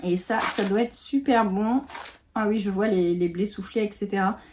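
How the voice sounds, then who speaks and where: A woman's voice: medium pitch, moderate pace, darkish tone. A woman in her thirties chatting casually while she unboxes at home, with lots of fillers and little laughs. She is sitting on a small sofa in her home office and recorded by the camera. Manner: chatty, giggly, many fillers. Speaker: vlogger.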